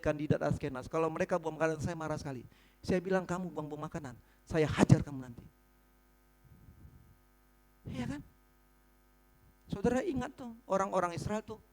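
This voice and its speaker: A man from Indonesia preaching a church sermon, emphatic, asking the congregation questions and answering them himself. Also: sits high. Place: church hall.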